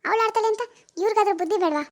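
A woman's voice: very high voice, racing. A woman acting as a young wife who suspects her husband, wondering aloud in an anxious, questioning way. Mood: hurt. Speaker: actor in a family web drama. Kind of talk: amateur family drama acting.

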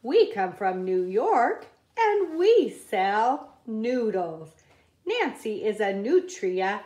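Slow, careful woman reading aloud. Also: fairly high pitch, sing-song, darkish tone, echoey room. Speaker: reader. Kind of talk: reading a picture book aloud. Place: indoors at a wooden table.

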